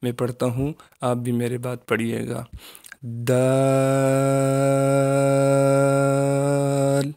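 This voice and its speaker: A man teaching children the Arabic letters in a patient recitation lesson, with a Pakistani Urdu accent, slowly drawing out each letter as he says it. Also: mid-range voice, darkish tone. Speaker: Quran teacher.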